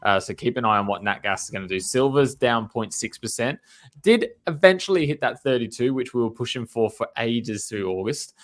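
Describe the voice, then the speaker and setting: A man co-hosting a trading show, chatting casually and upbeat about markets with quick asides. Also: mid-range voice, expressive.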